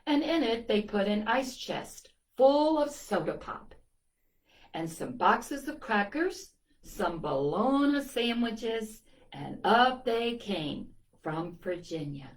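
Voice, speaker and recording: Reading a picture book to children, a woman with a slightly high voice tells the story slowly and very animatedly, slipping in small asides to her young audience. The recording is rough.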